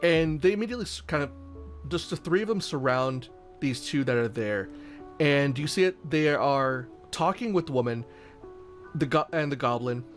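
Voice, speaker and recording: A man's voice: mid-range voice, expressive, moderate pace, soft background music. A man narrating as game master in a tabletop game, rambling with many fillers.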